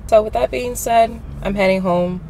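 A woman's voice: medium pitch, normal speed, vocal fry. A young woman vlogging from a car at night, talking in a heartfelt, prayerful way and repeating phrases for emphasis. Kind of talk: reflective car vlog talk. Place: inside a car at night, traffic outside. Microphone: camera mounted on the dashboard. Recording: loud road and car noise.

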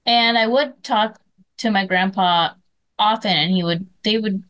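A woman chatting on a podcast, upbeat, quick to laugh. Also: mid-range voice, a bit bright. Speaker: podcast guest. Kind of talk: casual chat.

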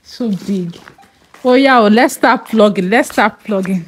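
Excited young Nigerian woman vlogging. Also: mid-range voice, measured pace, a little hiss or hum. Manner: excited, repeating herself, showing off fruit to camera. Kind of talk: casual vlog narration. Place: outdoor yard picking guava.

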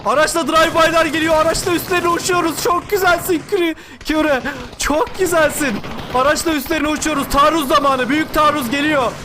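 A man giving excited live play-by-play commentary on an online game tournament, repeating calls and cheering his side on. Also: very high-pitched, brisk, background noise. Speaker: esports commentator.

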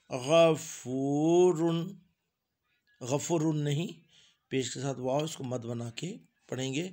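A man teaching Quran reading, spelling out each syllable slowly with drawn-out vowels. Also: medium pitch, darkish tone. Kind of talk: slow spelled-out recitation lesson.

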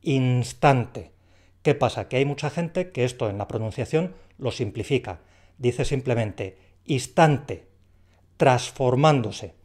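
A man's voice: medium pitch, unhurried, a little mellow. Patient man explaining spelling. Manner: clear, patient explaining with rhetorical questions. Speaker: language teacher. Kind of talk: explaining a dictation lesson.

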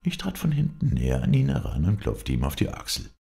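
A man's voice: very deep voice, wildly swooping pitch, fairly quick, gravelly, mellow. A man reading an adventure novel aloud as an audiobook narrator, with dramatic intonation. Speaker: audiobook reader.

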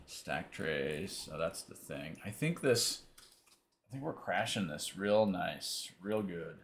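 Gravelly low-voiced man coding live. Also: animated, slow pace, slight background noise. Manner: thinks aloud while debugging, mutters to himself; reads and answers viewer chat. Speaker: developer hosting a live coding stream. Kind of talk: casual live coding stream talk.

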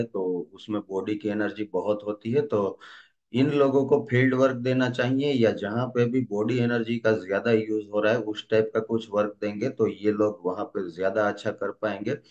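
A man's voice: fairly low pitch, darkish tone, highs cut off. A man giving a recorded training lecture, explaining steadily with frequent "uh" fillers and restarts. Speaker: DMIT trainer. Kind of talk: recorded lecture on brain lobes.

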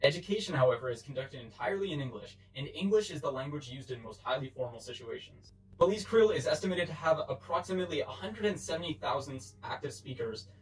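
A man's voice: a little high, animated, fast, few pauses, faint music behind, low-quality recording. A man in his twenties giving a formal, explanatory scripted educational narration. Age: 20s. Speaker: presenter.

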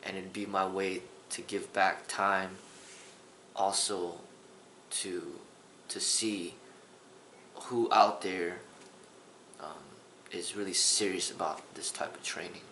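A man's voice: low-pitched, fairly even intonation, takes it slowly, long pauses, sharp tone, reverberant, a little hiss or hum, low-quality recording. A man in his thirties, a kung fu instructor, talking earnestly to the camera in a casual vlog, rambling with restarts. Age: 30s. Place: small indoor room with a sofa.

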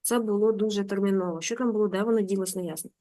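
A woman teaching German online. She reads a story aloud slowly and translates it with quick explanatory asides. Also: mid-range voice, fairly even intonation, warm tone.

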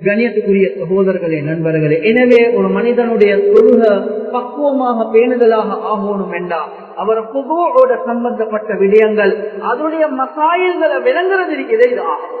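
Sri guy preaching a sermon, roomy echo, thin phone-like sound. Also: extremely high pitch. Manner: addresses listeners as respected brothers and friends, chants Arabic verses. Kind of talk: Tamil Islamic sermon. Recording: tinny, echoey hall from far off.

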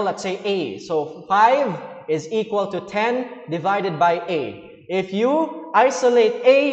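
A man's voice: high voice, echoey room, long reverb tail, dull audio. A man explaining a science lesson to students in a loose, chatty way, with fillers as he goes. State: hiccuping. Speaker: science teacher.

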